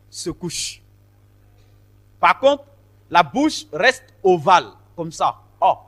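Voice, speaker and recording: A man's voice: on the high side, fairly bright tone. A man teaching a choir vocal technique, explaining vowel shapes patiently and counting the group in.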